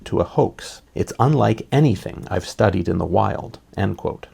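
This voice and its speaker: Male narrator, scripted documentary, lowish pitch, crackling gravel throughout, measured and serious. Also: animated, dark tone.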